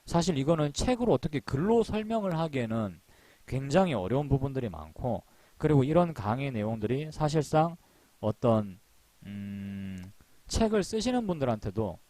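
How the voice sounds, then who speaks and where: A middle-aged man giving a live-streamed stock market lecture, lively and talkative, acting out little scenes as he explains. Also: mid-range voice, dry recording. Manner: animated, acts out little scenes in put-on voices.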